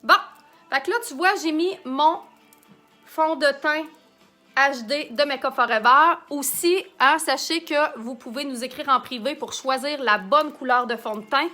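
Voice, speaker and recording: A Québécois woman with a high, bright voice hosts a live makeup demonstration. She talks in a chatty way and answers viewer comments while she works. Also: unhurried, faint music behind. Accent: Québécois French. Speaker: makeup artist hosting a live stream.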